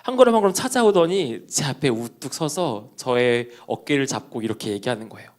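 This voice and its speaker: A man's voice: mid-range voice, animated, a little fast. A young man preaching a sermon, telling a personal story and speaking to the congregation. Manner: personal anecdote with quoted dialogue, addresses congregation.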